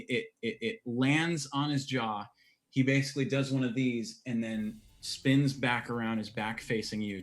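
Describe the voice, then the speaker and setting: A man narrating a tabletop game as game master, describing the action in a measured storytelling manner. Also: fairly low pitch.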